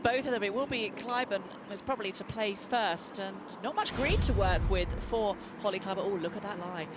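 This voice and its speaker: A woman's voice: mid-range voice, brisk, heavy background noise. A woman giving live golf commentary.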